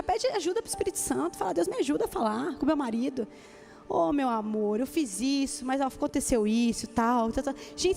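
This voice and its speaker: A woman's voice: high-pitched, darkish tone. A woman with a Brazilian Portuguese accent preaching a sermon as senior pastor, emphatic and acting out quoted voices. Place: church conference stage.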